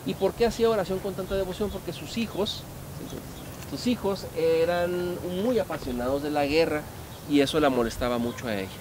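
Guide, middle-aged man, slightly high voice, animated storyteller, outdoor noise. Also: fairly quick. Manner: animated, gesturing, asks the audience questions. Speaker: museum guide. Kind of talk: storytelling tour explanation. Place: outdoor park museum among statues.

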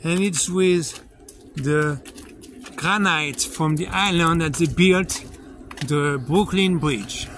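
A man casually narrating a travel vlog while walking outdoors, relaxed and unhurried with plenty of fillers, recorded on a handheld camera. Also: a little high. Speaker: travel vlogger. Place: outdoors on a quiet island street. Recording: outdoor street noise behind.

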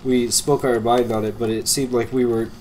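The congested young gamer keeps up rambling, laughter-filled commentary that tends to trail off. His medium-pitched voice barely moves in pitch, runs at normal speed and sounds a little mellow, on a low-quality recording with slight background noise.

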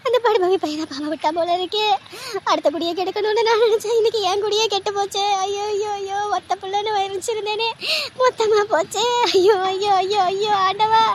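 A grieving village mother wails and laments in a very high, piercing voice, acted by a woman. She is sharp-tongued and loud, and clear background noise from the location sits under her. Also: fairly even intonation, fairly quick. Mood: lamenting. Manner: wailing laments, cries out to god. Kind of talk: short-film drama acting.

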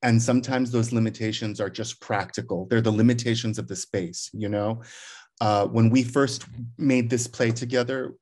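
On a relaxed video call from home, a middle-aged theater director speaks in a medium, darkish voice with fairly even intonation and moderate pace. He muses in a rambling way, frequently starting over, seated in his living room.

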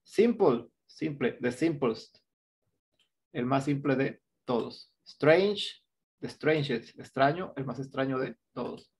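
A man's voice: medium pitch, animated, slow, a little mellow. A man with a Mexican Spanish accent teaching an English grammar class online, explaining step by step and often checking with "¿no?". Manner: explains step by step, keeps asking "¿no?".

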